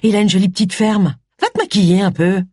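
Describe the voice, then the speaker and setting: A woman's voice: medium pitch, fairly even intonation, brisk, darkish tone, breathy edge, dry recording, clean studio sound, close to an everyday voice. A woman voicing a crude, scolding old mother who is a village witch, in an audiobook.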